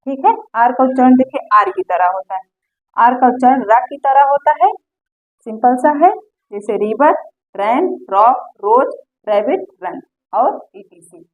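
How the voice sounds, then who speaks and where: A woman's voice: sits high, expressive, measured pace. A woman teaching English pronunciation rules, patiently repeating each example word. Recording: tinny phone-like audio.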